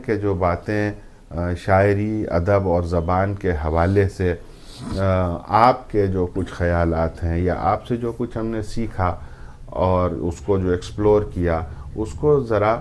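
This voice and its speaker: A man hosting a conversation on poetry, speaking in a measured way with frequent hesitations. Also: sits low, steady tone, darkish tone, a little hiss or hum. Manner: measured, hesitant with many fillers. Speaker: host. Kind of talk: interview.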